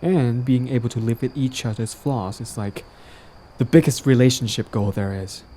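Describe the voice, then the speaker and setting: Guy playing a cocky flirty villain in an audio roleplay, warm mellow voice, mid pitch, teasing and talking you into it. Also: steady tone, normal speed, natural voice. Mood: smug, coaxing. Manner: casual, teasing, cajoling, self-justifying. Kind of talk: roleplay audio drama, conversational acting.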